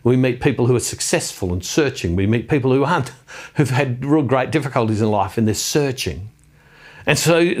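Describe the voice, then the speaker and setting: A middle-aged man giving a reflective sermon on scripture, earnest, repeating his phrases and putting questions to his listeners. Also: medium pitch.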